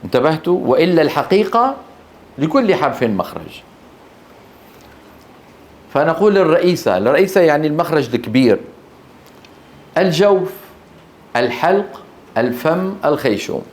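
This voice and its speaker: A man teaching a class on Quran recitation. He explains slowly, repeats key terms and keeps checking that students are following with short questions. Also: a little high, sing-song. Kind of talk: classroom lecture.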